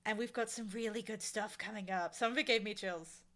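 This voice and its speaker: A woman with a mid-range, slightly bright voice speaks briskly and casually as an interview guest. She's an audio drama showrunner and dialogue editor, and she talks with enthusiasm and emphasis.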